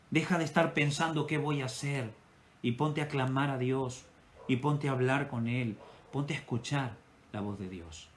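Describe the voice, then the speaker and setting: A male pastor with an Ecuadorian Spanish accent preaching a sermon with impassioned delivery, his loudness rising and falling. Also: mid-range voice.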